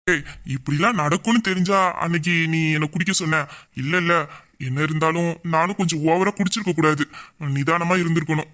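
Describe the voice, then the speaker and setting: A man voicing a kind young man, soothing and patient, slightly high voice, audio drama. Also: fairly quick, pushed and bright. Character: gentle young man comforting his best friend. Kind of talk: emotional audio drama acting.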